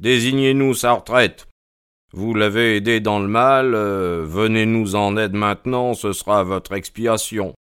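A man's voice: lowish voice, steady tone, a little slow, a bit bright, clean tone, dry recording, studio quality. A man voicing a cool, commanding detective in an audiobook, speaking in a clipped, authoritative way. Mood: cold. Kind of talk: audiobook character reading.

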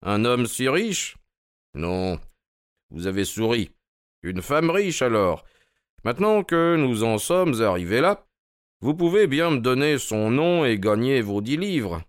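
A man's voice: medium pitch, sing-song, slow pace, no room sound. A man playing an ironic, probing detective in an audio drama reading. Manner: dry, mocking, probing. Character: sharp, ironic male detective, middle-aged.

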